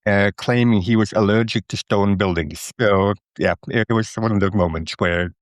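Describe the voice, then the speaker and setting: A middle-aged man from Norway, an interview guest who speaks in a thoughtful, measured way with a few fillers. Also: on the low side, dry recording, studio quality. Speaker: interview guest, Italian student. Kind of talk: conversational interview.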